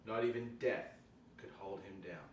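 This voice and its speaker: A man's voice: fairly low pitch, normal speed, distant mic, lightly acted. A man playing a casual, slangy guy telling a spooky tale to friends at an amateur script table read. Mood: storytelling. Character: casual male storyteller spinning a spooky cemetery tale to friends. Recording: roomy, off-mic, faint noise.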